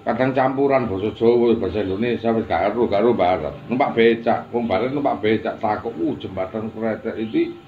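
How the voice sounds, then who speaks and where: Preacher, chatty and teasing. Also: male voice, lowish voice, a little fast, few pauses, muffled recording, slight background noise. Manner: chatty, mixing Javanese and Indonesian, teasing asides. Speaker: religious teacher. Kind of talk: informal religious talk with jokes.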